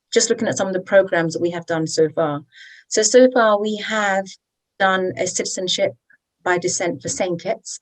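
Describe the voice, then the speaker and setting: Woman hosting a webinar, lowish voice, chatty and pushy in a friendly way, keeps saying okay. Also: rough recording. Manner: chatty and encouraging, with tag questions. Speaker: webinar host for a citizenship service. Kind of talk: persuasive presentation.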